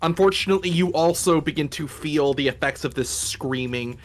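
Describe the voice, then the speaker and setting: A man running a tabletop game as game master, narrating and ruling in a relaxed, chatty way with many fillers. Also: fairly high pitch, a little fast.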